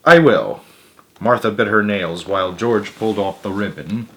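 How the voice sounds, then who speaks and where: A man with a lowish voice reads a story at a moderate pace, putting expression into it. He delivers character lines with emphasis and mutters little asides of his own.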